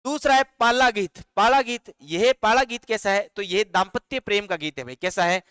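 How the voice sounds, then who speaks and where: High-voiced Rajasthani man teaching a live class. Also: fairly bright tone, smooth, dry recording, studio quality. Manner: dictates notes slowly and sings folk song lines; reads live chat comments aloud and answers them.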